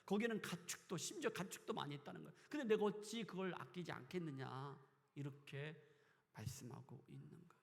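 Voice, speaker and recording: A man preaching a sermon as pastor, switching between loud exclamations and quiet asides. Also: fairly high pitch, animated, fairly quick, gravelly, big-room sound. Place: church sanctuary.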